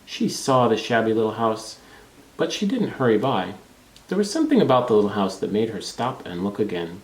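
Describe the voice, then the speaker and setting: A man's voice: on the low side, very animated, a little fast, darkish tone. A man reading a children's storybook aloud as narrator. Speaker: storybook reader. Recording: roomy, echoing room sound.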